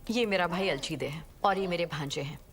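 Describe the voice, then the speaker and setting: A woman's voice: on the low side, fairly quick, a crowd in the background, close to an everyday voice. A middle-aged woman dubbing a blunt, no-nonsense character in a film. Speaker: single woman taking in a child. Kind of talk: Hindi film dub. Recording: film score behind.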